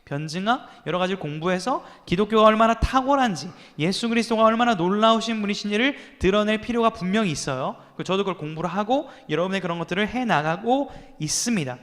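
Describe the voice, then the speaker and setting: A man's voice: sits high, lively intonation, fast, hardly any pauses, fairly bright tone, long reverb tail. A man in his thirties preaching a youth sermon as a pastor, telling stories with acted quotes and asking the listeners rhetorical questions. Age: 30s.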